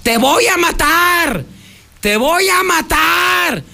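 A woman's voice: animated, extremely slow, bright, forceful tone, full character voice. A man voicing a distressed woman defendant who moans and shrieks threats in a courtroom. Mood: menacing. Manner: moaning, shrill threats.

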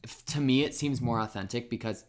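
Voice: medium pitch, a little fast. A podcast co-host in casual chat, talkative and swearing, full of "like" and restarts. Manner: chatty, lots of "like" and restarts, swears.

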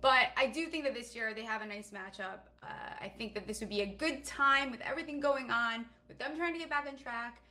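A woman's voice: fairly high pitch, fairly quick, few pauses, pushed and bright. A woman co-hosting a casual fantasy football show, giving her opinions bluntly and playfully. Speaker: co-host.

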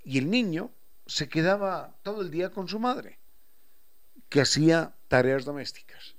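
A man with an Ecuadorian highland accent giving a reflective radio talk, explaining things with examples and acting out local turns of phrase. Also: expressive, unhurried, a bit bright. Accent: Ecuadorian highland Spanish.

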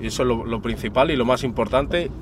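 A man's voice: medium pitch, fast, background noise. Young Spanish man chatting in a car. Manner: relaxed street slang, says "hermano" and "primo" constantly. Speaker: interview guest. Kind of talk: casual chat in a car.

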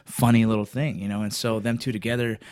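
A man and father, a podcast guest, telling animated stories in casual chat with many restarts. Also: on the low side, fast, dry recording, studio quality. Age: adult father.

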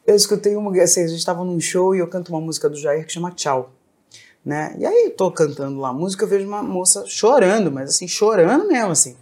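Lively Brazilian woman telling stories. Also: lowish voice, fast talker, breathy edge. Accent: Brazilian Portuguese. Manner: animated, acts out quoted dialogue, frequent "né" and "assim". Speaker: guest singer. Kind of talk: casual podcast storytelling.

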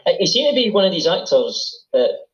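Sing-song and brisk, a high-pitched male guest chats casually while an episode plays, dropping relaxed hesitations into his comments. The audio has a roomy, dull tone.

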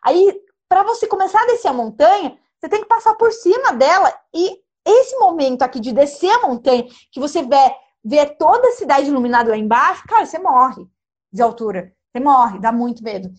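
A young woman telling a dramatic personal travel story in casual, animated chat. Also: high-pitched, brisk. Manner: lively, animated, dramatic retelling with gestures.

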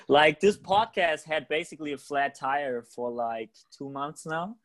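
A tired man hosting a casual podcast, laid-back and quick to swear and laugh. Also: fairly high pitch, a bit bright. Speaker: podcast host.

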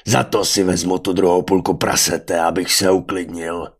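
A man voicing a greedy, brutish male warrior who bellows slowly and loudly in a fantasy audiobook. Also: low-pitched. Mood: boastful.

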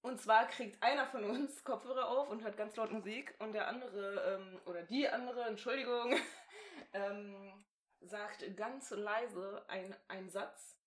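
A woman's voice: mid-range voice, unhurried. A young woman co-hosting a casual chat, playful and giggly, dropping to whispers and using slang. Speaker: podcast co-host.

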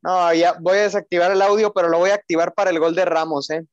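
A man's voice: sits high, fairly even intonation, fast, no echo. A young man co-hosting a football podcast as an emotional fan, chatting casually and repeating his phrases. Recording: roomless dry, slightly dull lo-fi audio.

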